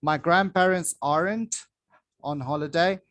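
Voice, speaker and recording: A man teaching English to children, reading a grammar worksheet aloud slowly with long pauses, recorded on a phone over a desk. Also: fairly high pitch, a bit bright, no echo. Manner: slow, drawn-out reading with pauses. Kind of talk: slow worksheet walkthrough for children. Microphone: phone filming a worksheet from above.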